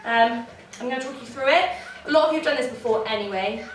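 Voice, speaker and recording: A young woman teaching an online dance warm-up class, encouraging and counting beats, a little out of breath. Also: a little high, fast talker, a little hiss or hum. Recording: echoey room, distant from mic, faint music.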